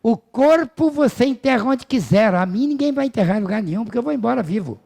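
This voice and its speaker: A man with a Brazilian accent voicing a calm, condemned old philosopher who speaks in slow, solemn, measured words. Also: very high-pitched, vocal fry, pitched above the performer's own voice, full character voice. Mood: serene. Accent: Brazilian Portuguese.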